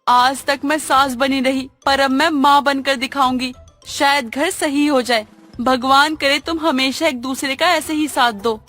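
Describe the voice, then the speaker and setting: A woman voicing a gentle mother-in-law in a cartoon who blesses her daughters-in-law. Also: high-pitched, fairly even intonation, unhurried, soft background music. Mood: tender. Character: modern mother-in-law, tender older woman. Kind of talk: cartoon voice acting.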